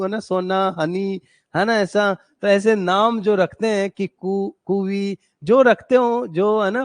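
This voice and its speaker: A man with a high voice and a slight tinge leads a classroom lesson. He speaks slowly and drags out each term as he builds mnemonics. The sound is dry and close. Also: no echo. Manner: repeats terms slowly, spells out mnemonics; chatty, asks students questions. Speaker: Ayurveda coaching teacher. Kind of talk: classroom lecture with memory tricks. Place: coaching classroom.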